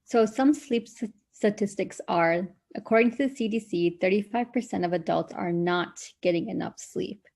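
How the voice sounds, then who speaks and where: Speaking at normal speed with few pauses, this mid-range, creaky, slightly mellow female voice belongs to a twentysomething nursing student from Brooklyn, New York. On a video call she reads out a health presentation, dropping little "um"s and hesitations into the statistics.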